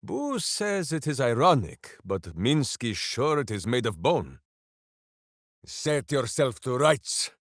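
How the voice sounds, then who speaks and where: Earnest and hearty, this big, good-hearted fantasy game warrior, simple, righteous, and devoted to his hamster, booms out quaint phrases in a slow, bombastic, sing-song delivery full of huge pitch swings. His video game voice lines are recorded very dry and close, with no echo.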